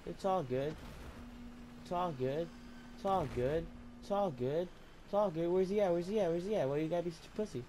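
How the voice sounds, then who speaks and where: A man giving casual, crude gameplay commentary, joking and repeating himself, with sudden loud excited outbursts. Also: sits high, brisk, long pauses, a little hiss or hum. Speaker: gameplay video maker.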